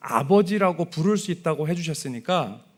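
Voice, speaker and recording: A male pastor giving a Sunday sermon in a church, talking to the congregation in a conversational way and softly acting out sample prayers. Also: on the high side, lively intonation, moderate pace. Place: church sanctuary.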